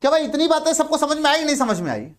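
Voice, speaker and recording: This male physics teacher talks fast in a very high, very animated voice during a Hindi blackboard lecture. He repeats key terms, asks and answers his own questions, and says "ठीक है" often.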